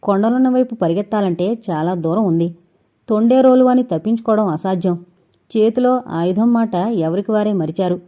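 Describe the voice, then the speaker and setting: A woman narrating a suspense audio novel with steady, suspense-building storytelling. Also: medium pitch. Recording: dull lo-fi recording.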